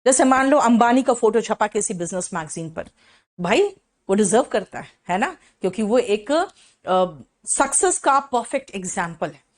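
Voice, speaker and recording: Middle-aged Indian woman, English teacher, slightly high voice, talkative classroom delivery with constant student check-ins. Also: lively intonation. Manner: explains in chatty Hindi, mixing in English phrases, with frequent "है ना?" check-ins; reads English definitions slowly and deliberately. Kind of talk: classroom vocabulary lesson.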